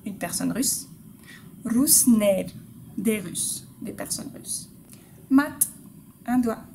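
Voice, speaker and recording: A woman's voice: mid-range voice, gravelly, mellow, slight background noise. A woman teaching a casual video language lesson, patiently repeating example words and talking straight to her viewers. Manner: friendly direct address to viewers.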